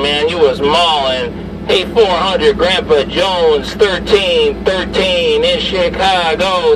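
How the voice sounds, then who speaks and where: A CB radio operator chats casually in slang from inside an SUV, which may be parked or moving, repeating handles and call-outs in repetitive radio patter. His voice is a little high. The mic sits away from him, picking up a noisy car interior.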